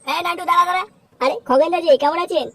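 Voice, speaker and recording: Over loud background music, a performer voices a nosy, preachy neighbour man who gossips about a boy and hands out preachy advice. The voice is very high-pitched and racing.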